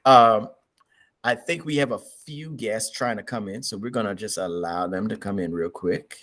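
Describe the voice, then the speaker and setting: A man hosting an online interview on a video call, measured and encouraging, often repeating his words. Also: fairly low pitch, fairly bright tone. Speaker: host.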